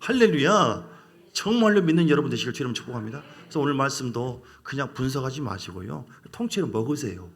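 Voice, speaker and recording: Animated Korean pastor preaching emphatically. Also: male voice, medium pitch, brisk. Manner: emphatic, call-and-response with congregation. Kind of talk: sermon.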